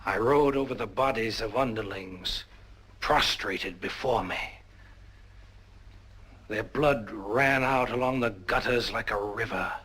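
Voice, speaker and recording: A husky power-mad villain. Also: male voice, on the low side, takes it slowly, a bit bright, exaggerated voice. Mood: grandiose. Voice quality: husky, grandiose. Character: brooding male villain dreaming of power. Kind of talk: 1940s film acting.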